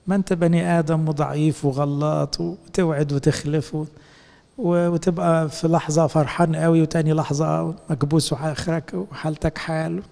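A man's voice: fairly high pitch, creaky, mellow, long reverb tail. A middle-aged Egyptian man, a priest, giving a colloquial sermon and speaking directly to his listeners. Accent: Egyptian Arabic.

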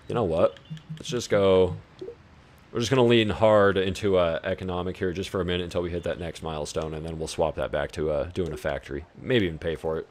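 A young man giving casual, laid-back commentary on his own strategy gameplay, talking to himself as he plays. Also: sits low. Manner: laid-back, talks to himself while playing. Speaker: gaming YouTuber.

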